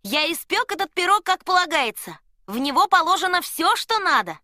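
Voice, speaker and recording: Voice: extremely high pitch, very animated, normal speed, sharp tone, no echo, studio quality, voice pushed up, exaggerated voice. A storyteller voicing a frightened little dwarf cook who begs desperately for his life in a storybook reading. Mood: pleading. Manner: pleading, desperate.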